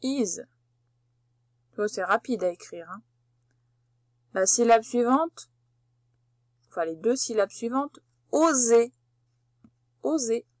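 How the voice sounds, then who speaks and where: A woman with a fairly high voice leads a spelling dictation, speaking very slowly and patiently. Each letter is spelled out clearly for the listener. The sound is dry and close, with no room around it. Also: expressive, no room sound. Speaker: teacher. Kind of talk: slow spelling dictation lesson.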